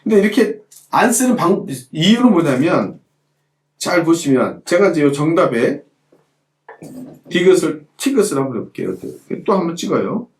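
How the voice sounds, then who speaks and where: The recording has a roomy feel as a middle-aged man leads a calligraphy lesson at a moderate pace, his fairly high voice very animated. While showing the technique, he restates points and asks his students rhetorical questions.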